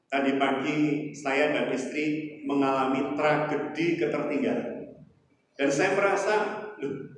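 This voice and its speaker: A middle-aged man with a Javanese accent, preaching a sermon in a lively storytelling way, with some humor. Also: fairly high pitch, slight background noise. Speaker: Islamic preacher. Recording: echoey hall, voice from far off.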